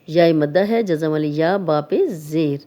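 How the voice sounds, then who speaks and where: A woman with a Pakistani Urdu accent teaching Quran recitation, explaining each rule patiently step by step and drawing out recited words slowly. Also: low voice, mellow. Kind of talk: Urdu tajweed lesson, explaining and demonstrating recitation.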